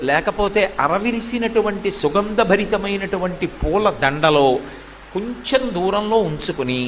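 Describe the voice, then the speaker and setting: Older guy in his 60s teaching meditation, high-pitched voice, echoey hall, a bit of hiss. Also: fairly bright tone. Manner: measured, instructive. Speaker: spiritual teacher. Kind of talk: devotional discourse. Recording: reverberant hall, faint noise.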